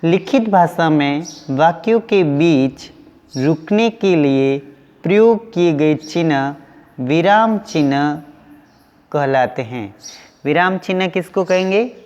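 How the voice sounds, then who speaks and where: Slow, patient man teaching young pupils. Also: fairly high pitch, expressive, darkish tone, big-room sound, highs cut off. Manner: slow, repeats questions and answers for young pupils. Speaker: school teacher. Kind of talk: online class lesson.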